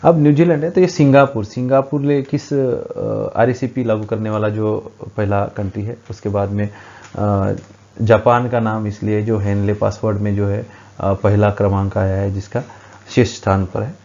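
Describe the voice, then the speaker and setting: A man gives an exam-prep current affairs lesson, talking through quiz questions at a board and often pausing with hesitant fillers. His voice sounds mellow and dark. The recording is dull and lo-fi. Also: on the low side, little pitch movement. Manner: explains at a board, frequent hesitations.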